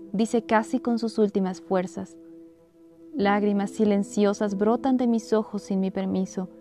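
A woman reads a dark first-person tale in a slow, hushed, somber manner. Her voice is mellow and warm, sitting at an ordinary pitch, with faint music playing beneath. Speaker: narrator. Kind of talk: dramatic audiobook reading.

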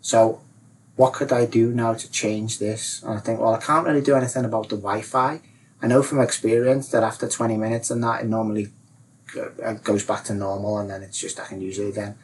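A man explains his ideas in an easygoing chat, peppering his talk with fillers and slipping into higher, louder voices when he quotes his feelings. He sits some way from the mic, and a faint room noise hangs behind him. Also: fairly quick, distant mic, poor audio. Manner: animated, acts out inner voices, many "like, you know" fillers. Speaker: guest, self-realisation coach.

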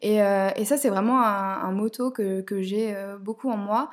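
A woman's voice: medium pitch, fairly even intonation, moderate pace. Giggly woman guest on a podcast. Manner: laughs often, upbeat and hesitant. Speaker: podcast guest, art director. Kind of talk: casual podcast interview.

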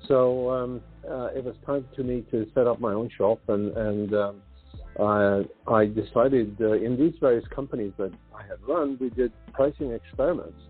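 A middle-aged man from Sweden, a pricing consultant guest on a podcast, speaking hesitantly with many restarts and throat-clearing. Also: medium pitch, steady tone, moderate pace, faint music behind. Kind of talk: podcast interview. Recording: tinny phone line.

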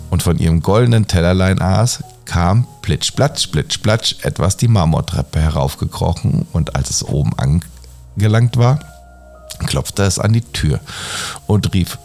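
A man calmly reading a fairy tale aloud as a bedtime story. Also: deep voice, vocal fry. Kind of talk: storybook narration.

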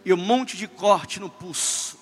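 A man preaching a sermon as pastor, with passionate delivery that climbs to shouting. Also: sits high, a little slow, soft background music. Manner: impassioned preaching, rising to shouts.

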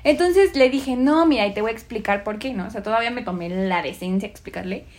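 A woman's voice: on the high side, fast talker, darkish tone. A woman from Mexico with a Mexican accent in a casual chat, rambling with many fillers. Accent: Mexican Spanish.

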